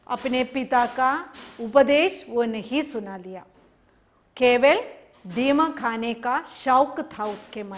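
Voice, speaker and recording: A woman teacher gives a recorded class lesson, going through a story line by line. Her voice is high and her pace slow and patient. She keeps asking questions and then answering them herself. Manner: explains slowly, asks and answers her own questions. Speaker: Hindi teacher. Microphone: recorded for an online class video.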